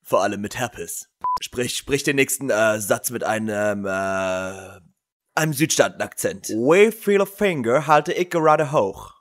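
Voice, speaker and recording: A man's voice: mid-range voice, lively intonation, measured pace, natural voice. A man dubbing a mischievous prankster who keeps pushing an interviewee with teasing instructions. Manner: teasing, pushy, giggly. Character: mischievous young male prankster. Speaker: prankster feeding lines, fan dub. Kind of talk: amateur German fan dub.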